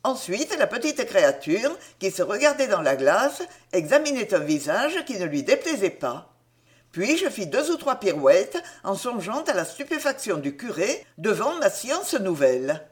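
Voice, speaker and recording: A woman narrating a classic novel in an expressive storytelling voice. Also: mid-range voice, normal speed.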